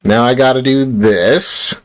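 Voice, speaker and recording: Slow and a bit bright, this young American streamer from Utah speaks at a medium pitch with fairly even intonation. Tired from a long work shift, he plays and talks to his chat in a loose, rambling, playful way, often poking fun at himself.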